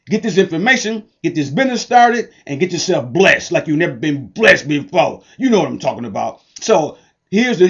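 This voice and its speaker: High-voiced man giving a hyped sales pitch. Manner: preachy, repetitive call-and-response hype in casual slang. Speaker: online business promoter. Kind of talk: energetic sales pitch to camera. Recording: dull lo-fi recording.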